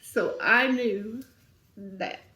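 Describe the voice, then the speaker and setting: A middle-aged woman telling a painful story as an interview guest, speaking softly and sometimes near a whisper. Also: medium pitch, extremely slow. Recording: roomy echo.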